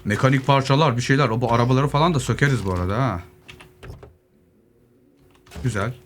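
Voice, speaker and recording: A man's voice: mid-range voice, brisk. A young man from Turkey giving casual solo gameplay commentary, joking with zombies and muttering as he loots. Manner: lively, joking asides to zombies, muttering while looting. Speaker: gaming YouTuber. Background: keyboard clicks, faint noise.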